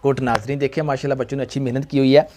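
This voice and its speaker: A man's voice: medium pitch, level tone, rapid-fire, darkish tone, a little hiss or hum. A young man teaching a tajweed lesson, patient and repetitive, quizzing his pupils. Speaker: Quran reading teacher.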